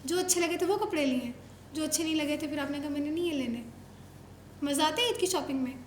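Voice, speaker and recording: High-voiced woman playfully quizzing children. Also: fast talker, slight background noise. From Pakistan. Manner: playful, coaxing, teasing questions. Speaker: show host interviewing children. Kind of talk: casual chat with children. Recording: roomy echo.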